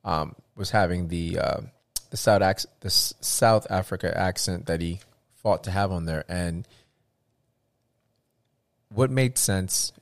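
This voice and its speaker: Slow and gravelly, a man with a very low voice wanders through a relaxed chat, animated but riddled with fillers and restarts. The recording is close and dry, carrying no room sound at all.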